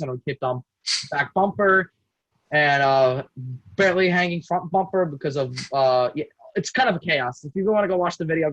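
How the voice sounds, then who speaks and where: A young man with a slightly high, somewhat bright voice, a guest race driver, tells his story on a casual podcast. He speaks haltingly, often stumbling, restarting, and correcting himself. The call audio is dull and lo-fi with no echo.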